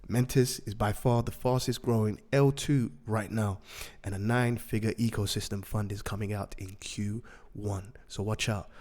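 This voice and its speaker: A man with a raspy voice hosting a market update, repeating and rephrasing his points for emphasis. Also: lowish voice, a little mellow. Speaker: host of a daily crypto news show.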